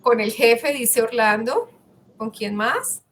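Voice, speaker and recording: A woman's voice: on the high side, lively intonation, takes it slowly, fairly bright tone, slight background noise. A woman giving an online communication masterclass, chatting and putting questions to her audience. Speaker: communication coach.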